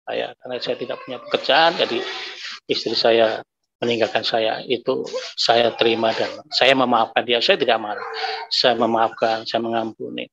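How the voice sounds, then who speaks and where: A man's voice: medium pitch, level tone, normal speed, creaky, fairly bright tone, slight background noise. A middle-aged man giving an emotional personal testimony, repeating himself and rising to anguished cries. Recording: dull lo-fi recording.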